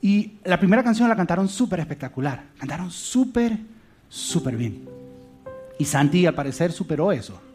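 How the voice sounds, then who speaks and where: A man telling a heartfelt story to a church audience, swinging between loud emphasis and hushed soft lines. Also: high-pitched, sing-song, moderate pace. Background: soft guitar music.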